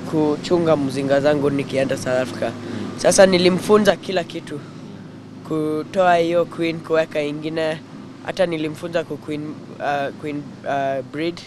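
A man's voice: a little high, steady tone, normal speed. A fourteen-year-old boy, casually explaining beekeeping and mixing Swahili and English. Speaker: young beekeeper being interviewed. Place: outdoors in a leafy garden. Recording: outdoor field recording with clear background noise.

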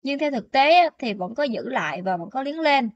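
Female teacher, slightly high voice, dry close sound, walks students through pronunciation with frequent check-ins. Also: big pitch swings, no echo, muffled recording. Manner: keeps checking in with students with quick questions. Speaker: Korean language teacher. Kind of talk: explaining pronunciation rules in a lesson.

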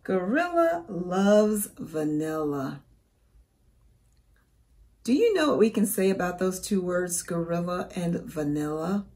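A woman in her forties reading a storybook aloud to young children as a teacher, expressive and careful. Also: lowish voice, creaky. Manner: expressive, careful, asks the listener questions.

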